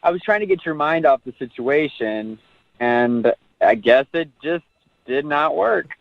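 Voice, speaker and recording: A man's voice: fairly high pitch, animated, unhurried, vocal fry, lo-fi sound. A man calling into a radio show, defending himself over a bad date. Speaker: caller. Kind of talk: radio call-in chat.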